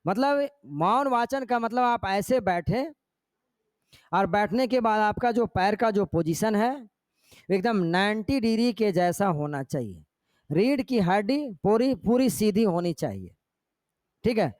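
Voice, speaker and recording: A man's voice: high voice, animated, unhurried, darkish tone, no echo, studio quality. A male teacher giving a classroom lecture, explaining step by step and often checking in with his students. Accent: Jharkhand Hindi.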